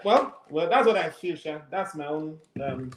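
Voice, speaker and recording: A man calling in to a casual sports chat over a conference call line that breaks up. He talks haltingly, repeating his words, and sits far from his device without headphones. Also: a little high, lively intonation, slight background noise. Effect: remote conference call audio that breaks up. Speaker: guest caller. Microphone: distant device mic, no headphones. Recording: roomy echoey call line.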